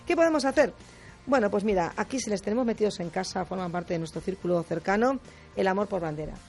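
Gravelly-voiced woman explaining on radio. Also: mid-range voice, fast talker, faint music behind. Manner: lively, explanatory, acts out quotes, frequent tag questions. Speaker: guest speaker on difficult personalities. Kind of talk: radio talk chat.

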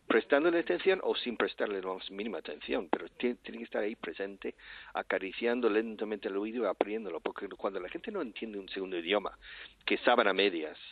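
An older Texan man with a marked American accent, speaking Spanish as a second language on a radio call. His voice sits low and comes through a narrow, tinny phone line, dry and close, with no room sound. He rambles animatedly and restarts his phrases often. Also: brisk, creaky, dry recording. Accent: American English accent in Spanish. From Texas, USA. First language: English. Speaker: guest, English-teaching entrepreneur. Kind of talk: radio interview.

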